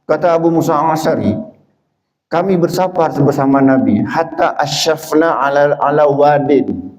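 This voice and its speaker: Preacher asking himself questions. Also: male voice, poor audio. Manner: explains by asking and answering his own questions; rises to high, loud emphasis when quoting. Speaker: Islamic preacher. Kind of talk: sermon.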